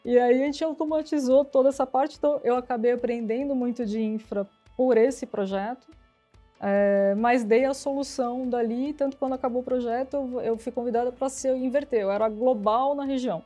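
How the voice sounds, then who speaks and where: Lively woman telling stories. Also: a little high, fairly quick, soft background music. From São Paulo, Brazil. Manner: lively storyteller acting out quoted dialogue. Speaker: interview guest, IT executive. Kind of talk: casual storytelling interview.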